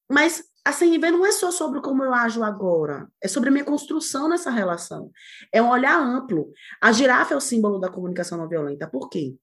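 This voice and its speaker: Lively, fast-talking Brazilian woman. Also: on the high side. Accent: Brazilian Portuguese. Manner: expressive, laughs often, quick bursts of emphasis. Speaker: guest speaking on nonviolent communication. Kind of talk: animated conversational explanation.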